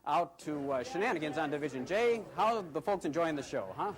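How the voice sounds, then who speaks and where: A man's voice: fairly high pitch, brisk. Mock-earnest man TV host. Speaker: TV show host. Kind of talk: scripted TV hosting.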